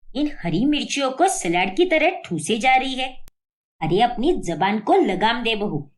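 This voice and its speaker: A woman voicing a shrill scolding mother-in-law. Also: big pitch swings, a little slow. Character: stern scolding mother-in-law, middle-aged. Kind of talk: cartoon story voice acting.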